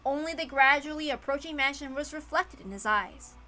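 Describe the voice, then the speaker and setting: In a high, bright voice, a woman narrates a fantasy story with dramatic, scripted delivery, much like an audiobook reading of a visual novel. She moves briskly, and a little hiss or hum can be heard.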